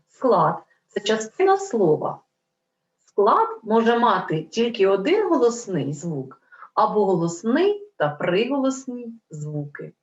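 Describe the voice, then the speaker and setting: Slow, lively-voiced woman teacher. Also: medium pitch, roomy sound, muffled recording. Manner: slow, clear, drawn-out word dictation. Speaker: primary school teacher. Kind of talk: Ukrainian language lesson for children.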